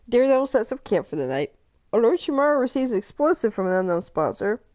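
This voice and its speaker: A woman with a slightly high, somewhat mellow voice hosts a live game stream. She chats casually, reads game events aloud, and giggles often between lines.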